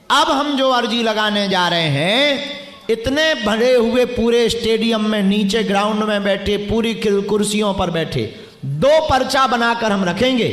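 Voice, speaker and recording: Commanding, teasing high-voiced man in a stadium. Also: fairly bright tone. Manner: commanding, teasing, playful banter with audience. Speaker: religious preacher addressing a stadium crowd. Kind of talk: live religious gathering, addressing crowd and individuals. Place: large packed stadium. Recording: echoey stadium sound.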